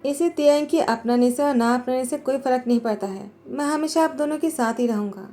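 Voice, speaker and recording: A woman's voice: sits high, a little fast, dark tone, close to an everyday voice. A woman voicing a hurt but stubbornly loyal young husband, speaking in an insistent, pleading way. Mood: earnest.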